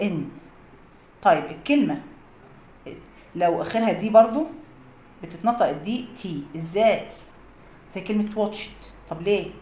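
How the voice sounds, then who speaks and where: A woman with an Egyptian Arabic accent teaching an English pronunciation lesson, explaining phonics rules through many example words. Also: medium pitch. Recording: echoey room with faint noise.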